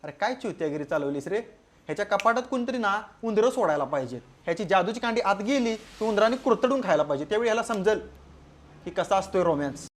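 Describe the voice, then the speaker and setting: A man's voice: sits high, expressive, fast talker. A man with a Marathi accent delivering a crude, scolding comedy roast commentary.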